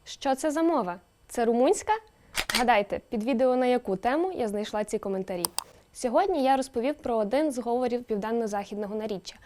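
A woman presenter giving a scripted educational narration, lively and with emphatic rising questions. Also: a little high, a little hiss or hum. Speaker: presenter explaining a dialect.

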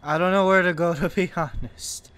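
A man playing a horror game in casual let's-play commentary, jumpy and excitable, laughing and swearing, with his voice going hoarse. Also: high voice, normal speed.

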